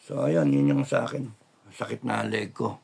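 A man's voice: medium pitch, steady tone, moderate pace, gravelly, a little mellow, breathy edge. A man with a Filipino accent giving a fervent political monologue to his viewers, switching between Tagalog and English and repeating slogans. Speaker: vlogger.

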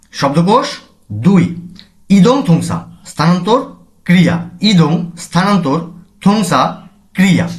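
A man from Bangladesh teaching a language lesson, slowly saying each word and then its meaning, repeating terms for his students. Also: fairly high pitch. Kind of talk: classroom lesson explanation.

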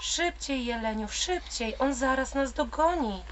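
A woman voicing a tiny, anxious little bird in a children's storybook, with a high chirping voice. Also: lively intonation, a little slow, heavy background noise. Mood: urgent.

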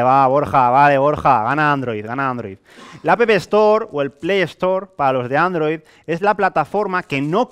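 This is a young man from Spain giving a live sales presentation to a small group in a hotel meeting room. His voice is slightly high for a male, and he speaks in a chatty, animated style, peppering the pitch with rhetorical questions and examples from daily life.

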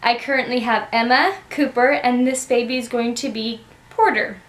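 A woman's voice: a little high, fairly even intonation, normal speed, noisy background. Young woman, casual home vlogger, chatty and slightly breathless, echoey room sound. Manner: chatty, upbeat and personal. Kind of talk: casual vlog update.

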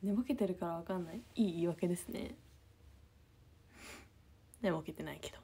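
Young woman, idol streamer reading comments, husky, mellow, sleepy half-whispered chat. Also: fairly quick. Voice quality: husky, a bit low. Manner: just-woken, soft and drowsy, often near-whispered. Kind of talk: casual livestream chat.

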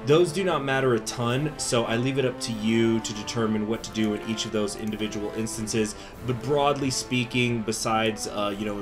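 A man speaking through a face mask, giving a chatty, informal strategy game tutorial as the host. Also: on the low side. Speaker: gaming video host. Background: music.

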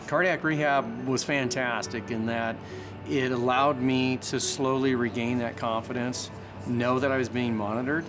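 A man who was a cardiac rehab patient speaks in an earnest, reflective way in a documentary interview. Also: medium pitch. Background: background music.

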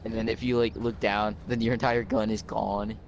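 A man talking in a laid-back, halting way while playing a game with a friend. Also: fairly low pitch, little pitch movement, creaky, highs cut off, a little hiss or hum. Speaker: gamer. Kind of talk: casual gameplay chat.

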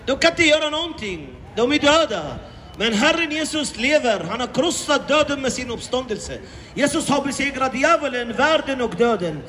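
A man's voice: very high-pitched, lively intonation, pushed and bright, big-room sound, slight background noise. A man preaching to passers-by outdoors on a city street, impassioned and full of repeated rhetorical questions. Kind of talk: open-air evangelistic preaching.

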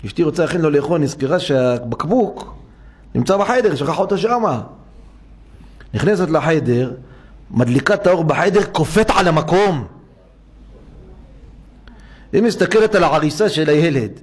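A man's voice: on the high side, animated, pauses often, husky. A man preaching as a rabbi in a synagogue, telling a story and acting out each character's voice with animation. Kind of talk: sermon storytelling.

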